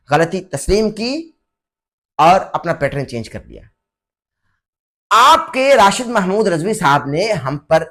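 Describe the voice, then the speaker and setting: Male vlogger, higher voice, rhetorical and preachy delivery. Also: fairly bright tone. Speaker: online religious commentator and vlogger. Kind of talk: direct-to-camera challenge vlog.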